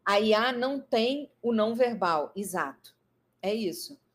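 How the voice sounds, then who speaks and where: A woman's voice: fairly high pitch, measured pace. Thoughtful Brazilian woman explaining at length. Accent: Brazilian Portuguese. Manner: thoughtful, many fillers and restarts, lively emphasis. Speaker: psychologist guest. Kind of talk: conversational explanation.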